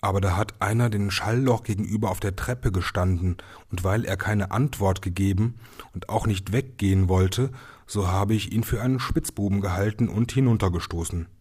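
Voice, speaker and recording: A man voicing a naive, fearless youngest son in a fairy tale, speaking up earnestly with a slightly husky voice. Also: on the low side, normal speed, darkish tone. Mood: matter-of-fact.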